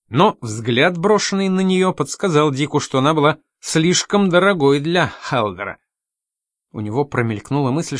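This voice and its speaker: A man narrating an audiobook at a middling pitch in an even, steady storytelling manner. The sound is dry and close, with no room around the voice. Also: no room sound. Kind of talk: scripted narration.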